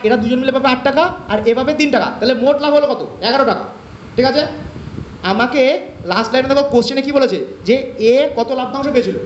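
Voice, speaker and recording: A man with a very high voice teaches an online math class, posing questions and answering them himself step by step. The class-call audio is echoey, dull and lo-fi, with slight background noise.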